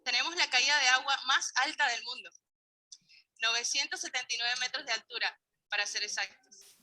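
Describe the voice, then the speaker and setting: In a low-quality recording of a played clip with background music, a woman magician from Venezuela recounts her own story on stage. Her high, bright voice sounds forceful at normal speed as she precisely counts out exact figures.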